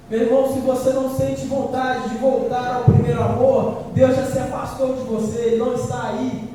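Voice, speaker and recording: High-voiced preacher in an echoing church. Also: male voice. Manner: urgent exhortation, repeats phrases and keeps calling out "my brother"; swings between loud pleading bursts and quiet low warnings. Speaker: presbyter preaching. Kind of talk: sermon. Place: church hall. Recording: echoey church hall picked up from far off, faint noise.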